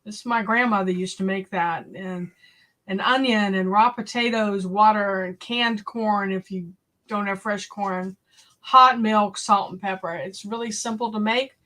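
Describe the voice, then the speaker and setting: Slow, chatty woman from New England. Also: mid-range voice, steady tone, pushed and bright. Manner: chatty, reads out recipe lists and answers viewer comments. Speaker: homestead channel host. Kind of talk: casual live-stream chat.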